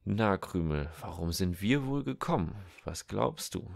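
A man's voice: low voice, lively intonation, a little slow, gravelly, a little mellow, dry recording, studio quality, exaggerated voice. A man reading a cold soldier on horseback in an audiobook, condescending and lecturing.

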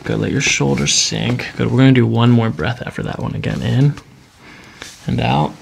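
In a small indoor treatment office, a middle-aged male chiropractor calmly walks a patient through hands-on work with brief, soothing steps. His mid-range voice is gravelly and steady, at a normal speed, and faint background noise can be heard.

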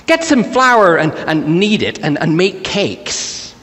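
A fussing, hesitant very old man, put on by a preacher who keeps restarting his sentences. The voice is pitched up and lively. It sounds out in a reverberant church. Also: slow pace, heavily acted. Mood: flustered. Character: old man, flustered, anxious to please guests.

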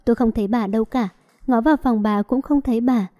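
A woman's voice: on the high side, quick pace, dull audio. Woman reading a story. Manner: lively first-person storytelling. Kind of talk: storybook narration.

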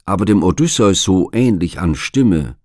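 A man's voice: low voice, expressive, moderate pace, a little mellow, no room sound, clean studio sound. A man reading the lines of a faithful, tearful old nurse in an earnest storybook voice. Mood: wondering.

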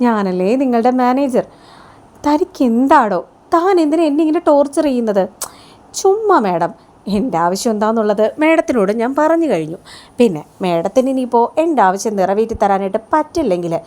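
A woman's voice: on the high side, sing-song, fairly quick, darkish tone, voice pushed up. A woman playing a smarmy male loan manager. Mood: leering. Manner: smarmy, wheedling.

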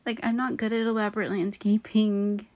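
A woman's voice: medium pitch, flat delivery, normal speed, a little mellow. A woman hosting a game-building channel, recording a casual, rambling voiceover late at night, giggling and poking fun at herself and sounding tired. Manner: rambling, giggly and self-deprecating. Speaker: Sims build channel host. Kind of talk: casual voiceover over gameplay.

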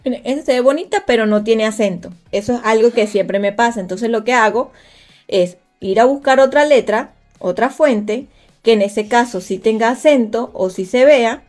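A crafts instructor leads a live-streamed software tutorial, teaching a design class while chatting directly with her viewers and thinking aloud as she works. Her voice sits on the high side and is a little mellow, she talks at a moderate pace, and faint music plays behind her.

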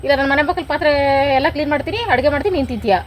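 A woman's voice: high-pitched, a little hiss or hum. A woman speaking rural Kanakapura Kannada, chatting at home in a casual couple vlog and teasing her partner with playful scolding. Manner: rapid, animated, playful scolding. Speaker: vlogger.

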